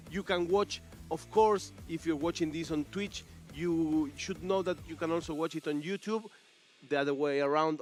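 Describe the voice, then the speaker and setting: Eager male esports commentator, higher voice. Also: a bit bright. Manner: enthusiastic, repeats words, slightly non-native phrasing. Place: esports tournament venue.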